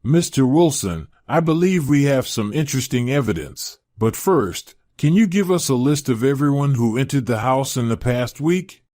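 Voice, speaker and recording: A man playing a sharp-eyed detective, probing. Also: medium pitch, animated, normal speed, hardly any pauses, dry recording, studio quality, voice pushed up, close to an everyday voice. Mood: inquiring.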